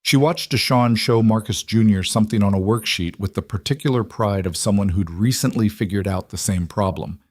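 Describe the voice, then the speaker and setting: A man narrates a drama story in a calm, steady way. His voice sits low, and the recording is close and dry, with no room sound. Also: fairly quick, few pauses, no echo.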